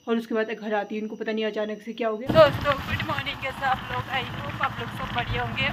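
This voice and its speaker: A woman in her thirties from Uttarakhand, India, with an Uttarakhandi Hindi accent, chats casually through her family vlog, rambling with lots of filler. Her voice is on the high side, and the audio, taken outdoors in traffic and at home, is very noisy.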